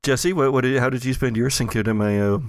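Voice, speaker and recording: An American man hosts a podcast of casual banter among friends, joking with dry understatement. His medium-pitched voice moves a little fast, with no room sound.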